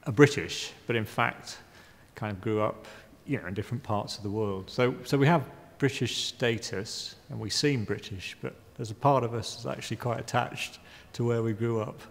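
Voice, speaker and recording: A man in his fifties from Guyana answers interview questions about his art, halting and wry, full of ums and restarts. His voice is gravelly. The sound carries a long reverb from a large exhibition space. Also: mid-range voice. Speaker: artist interviewee. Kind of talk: hesitant reflective interview answers. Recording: reverberant room.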